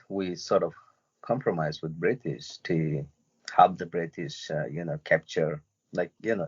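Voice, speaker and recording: A man from Myanmar speaking as an interview guest, in a halting way with many fillers and restarts, on dull lo-fi podcast audio. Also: sits low, a little mellow, slightly rough. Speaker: interview guest, refugee and journalist. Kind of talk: casual interview talk.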